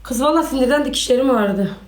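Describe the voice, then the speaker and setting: Exasperated high-voiced woman ranting on a live stream. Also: fast talker, roomy sound. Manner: exasperated, repeats herself, sighing interjections. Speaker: social media personality on a live stream. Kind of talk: agitated live-stream rant to viewers.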